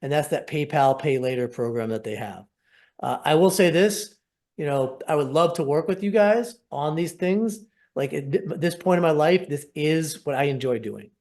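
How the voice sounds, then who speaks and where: A man's voice: a little high, normal speed, a little mellow. A man hosting a casual sales webinar over a video call, talking in an upbeat, persuasive and rambling way. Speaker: program host.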